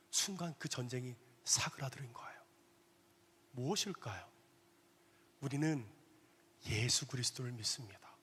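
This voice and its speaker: A male pastor telling a personal story in a sermon, animated, sometimes dropping to hushed asides. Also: on the high side, husky. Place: church sanctuary. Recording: long reverb of a church hall.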